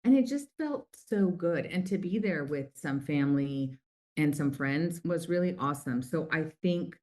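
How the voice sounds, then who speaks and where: Speaking at a moderate pace, this middle-aged American woman has a low voice with lively intonation. As the interview guest and founder of a lip color company, she tells chatty, warm stories loaded with fillers in a casual conversation.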